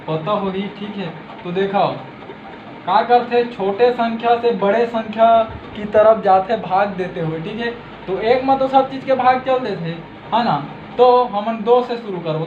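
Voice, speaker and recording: A man with a Chhattisgarhi accent teaches a math lesson in a very high voice. He explains patiently and closes every step with "okay". The recording is roomy and dull, with faint hiss behind him.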